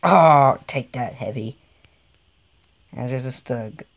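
Excitable young male gameplay commentator. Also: mid-range voice, normal speed. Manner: rambling, easily excited, jokey. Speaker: gaming channel host.

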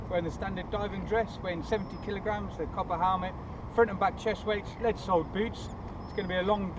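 A man in his thirties chatting upbeat to camera outdoors on a seaside promenade, with plenty of "uh" fillers. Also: high voice. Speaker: charity fundraiser. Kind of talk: casual vlog to camera. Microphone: action camera on a stand and handheld on a bike ride. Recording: distant camera mic, outdoor noise.

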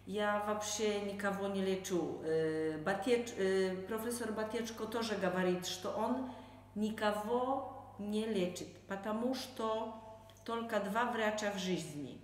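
A woman's voice: medium pitch, a little hiss or hum. A woman with a Polish accent answering interview questions in non-native Russian, searching for words as she goes. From Poland. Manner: halting, searching for words, imperfect grammar. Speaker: interview guest, translator and health consultant. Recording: very echoey room with long reverb.

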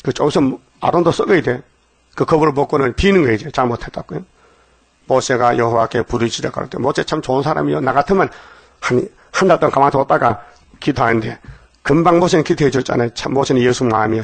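A man delivers a dawn sermon in a gravelly, mid-pitched voice. He speaks bluntly and colloquially, scolding his listeners and prodding them with a rhetorical "eh?". The sound is close and dry. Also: quick pace, no room sound. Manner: plain-spoken and colloquial. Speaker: preacher.

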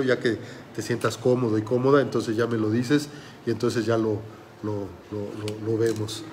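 A man's voice: mid-range voice, slight background noise. A man giving a motivational talk as a life coach, firing rhetorical questions at the listener and repeating phrases for emphasis. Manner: asks rhetorical questions and addresses the listener directly.

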